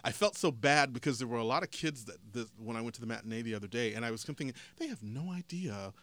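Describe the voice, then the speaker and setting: A man's voice: mid-range voice, fast talker. A man hosting a radio interview show, chatting casually and jokingly with his guests in a studio. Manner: chatty, animated, jokey with guests.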